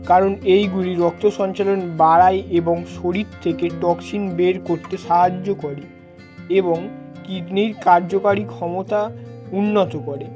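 A woman's voice: lowish voice, fairly even intonation, unhurried. A woman yoga teacher giving scripted, step-by-step instructional narration. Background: plucked guitar music.

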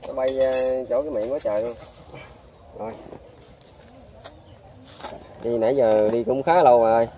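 A man's voice: mid-range voice, moderate pace, long pauses, mellow, a little hiss or hum. A man chatting and joking casually outdoors while helping catch bees. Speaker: bee-catching companion. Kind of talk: casual chat.

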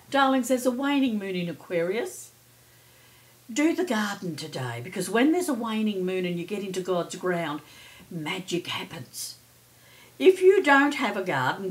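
A middle-aged or older woman hosting a chatty daily horoscope as a psychic, playful, theatrical and effusive, often calling listeners darling. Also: mid-range voice. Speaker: psychic and astrology host.

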